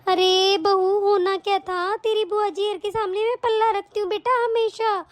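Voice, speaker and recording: A woman voicing a vain, scheming middle-aged mother-in-law in an animated story, grumbling and muttering to herself. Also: very high voice, a little slow. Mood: fretful. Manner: grumbling, muttering, self-pleased.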